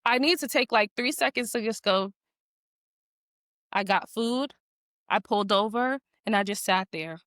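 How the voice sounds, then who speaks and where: Mom talking slow and thoughtful, hunting for words, dry sound. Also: female voice, mid-range voice, a bit bright, no echo. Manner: reflective, searching for words. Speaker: mother, co-host. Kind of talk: casual heartfelt conversation.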